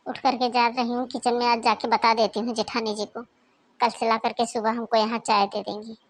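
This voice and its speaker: A woman's voice: fairly high pitch, flat delivery, moderate pace, natural voice. A woman voicing a lazy, defiant young daughter-in-law in a cartoon, with offhand, cheeky replies. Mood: lazy, rude. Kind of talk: cartoon voice acting.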